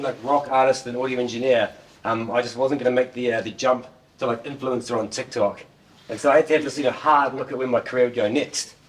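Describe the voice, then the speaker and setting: A middle-aged man with a New Zealand accent gives an informal tech talk in a joking, self-deprecating way, often repeating words. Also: medium pitch. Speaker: software developer giving a talk. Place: indoor meeting room, standing at a laptop beside a screen. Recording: distant room microphone.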